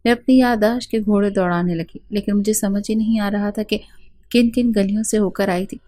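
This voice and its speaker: A woman's voice: mid-range voice, steady tone, mellow, no echo. A woman narrating a first-person audiobook in an earnest, plaintive storytelling manner.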